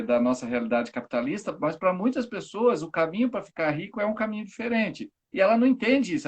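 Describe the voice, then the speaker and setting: A man talks on a live stream, unpacking ideas for a friendly audience. His voice sits high for a man, and he keeps things casual, bringing his points to life with everyday examples. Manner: lively explainer who acts out everyday examples. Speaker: enneagram teacher, guest.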